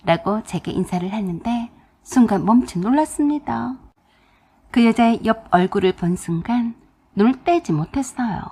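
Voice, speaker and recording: A woman telling a first-person story as scripted radio-drama narration, in a steady, confiding way. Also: fairly high pitch, moderate pace, slightly rough.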